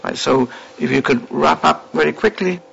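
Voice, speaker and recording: Male chair of parliament, very creaky, slightly high voice, halting procedural admonishments, muffled audio. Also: a bit bright. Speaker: speaker presiding over parliament. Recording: dull, band-limited chamber audio.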